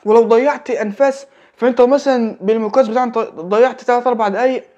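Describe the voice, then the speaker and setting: A man's voice: extremely high pitch, fairly even intonation, rapid-fire, warm tone, lo-fi sound. A young man in his late teens with an Egyptian Arabic accent giving a casual religious talk, repeating phrases and checking in with the listener. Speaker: religious advice speaker.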